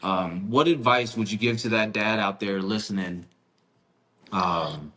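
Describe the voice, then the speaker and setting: A man's voice: lowish voice, measured pace, sharp tone. A man hosting a podcast interview in a casual, slangy way, often repeating words and restarting his sentences. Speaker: podcast host.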